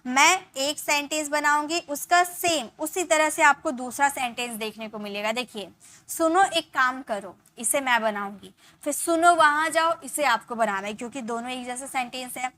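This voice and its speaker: Woman, Indian English accent, young adult, English teacher, high bright voice, explains step by step, repeats example sentences. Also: normal speed. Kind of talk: spoken English lesson.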